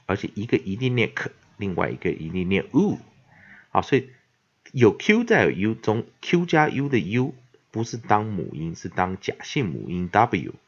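Taiwanese-accented guy teaching english vocab, lowish voice that jumps around a lot, lots of "ah"s, kinda dull lo-fi sound. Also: breathy edge. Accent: Taiwanese Mandarin. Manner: frequent drawn-out "ah" fillers, repeats words slowly. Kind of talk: classroom-style vocabulary lesson.

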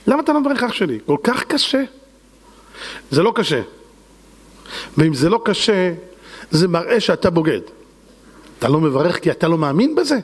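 A man's voice: high voice, very animated, long pauses, breathy edge, long reverb tail. A man preaching a sermon as a rabbi, fervent and dramatic, acting out the voices he quotes.

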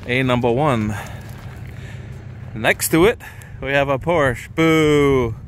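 A man in his thirties vlogging casually while walking through an outdoor car lot, excited and chatty, filmed on a handheld camera at arm's length. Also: mid-range voice, slow, a little hiss or hum. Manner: excited, chatty, laughs often. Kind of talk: casual vlog walkthrough. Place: outdoor impound parking lot.

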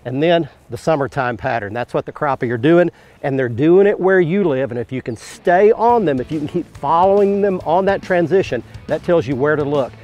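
A middle-aged man hosting a fishing show from a boat on a lake, explaining technique and getting excited when a fish bites. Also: on the high side, moderate pace, muffled recording, soft background music. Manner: explanatory, bursts into excited asides on catches. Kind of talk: on-the-water fishing instruction.

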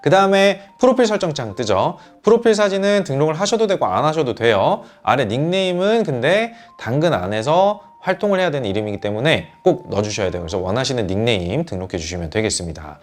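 A young man walks older viewers through a phone app, step by step, in a friendly tutorial voice. His pitch swings up and down in a lively way as he explains. He speaks to his audience as mothers and fathers. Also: quick pace, hardly any pauses, soft background music. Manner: addresses viewers as mothers and fathers, lively rising and falling delivery. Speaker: host of a smartphone tutorial channel for parents.

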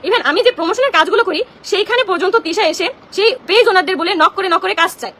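A woman's voice: extremely high pitch, pushed and bright. A young woman from Bangladesh ranting on a home live stream, agitated and confrontational as she addresses her critics directly. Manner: agitated, indignant, rapid-fire and confrontational. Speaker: social media content creator. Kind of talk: heated live-stream rant.

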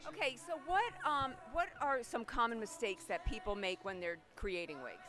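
A woman's voice: on the high side, lively intonation, normal speed, over music. A middle-aged American woman interviewing someone conversationally on a handheld microphone in a large hall. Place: large exhibition hall backstage.

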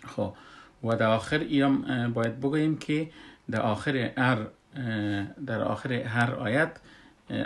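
A man with an Afghan Dari accent teaching Quran recitation rules, speaking slowly with many hesitant fillers and breaking into drawn-out chanted recitation. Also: medium pitch. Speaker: tajweed teacher. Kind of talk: slow explanatory Quran recitation lesson.

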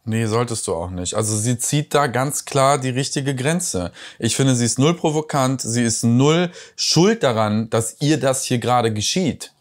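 Man, reaction host, casual sarcastic commentary, mid pitch. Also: animated, unhurried, hardly any pauses. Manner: sarcastic, mocking.

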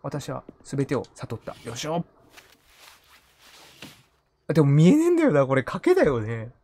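Animated male game streamer. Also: fairly high pitch, normal speed, slight background noise. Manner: playful muttering to himself, repeating short phrases. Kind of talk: live gaming commentary, casual.

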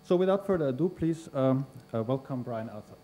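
A middle-aged man from Austria introducing a speaker at a podium in a university lecture hall, pausing often with fillers. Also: mid-range voice, animated, loud music behind the voice. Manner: hesitant, many fillers. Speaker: conference host introducing a speaker. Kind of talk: formal introduction. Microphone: podium mic.

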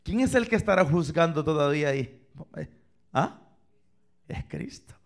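A male pastor preaches in a high, gravelly voice. He moves from loud cries to hushed near-whispers, asking the congregation questions as he speaks to them and to online viewers. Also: animated, moderate pace. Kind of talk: sermon. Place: church sanctuary, filmed for online viewers.

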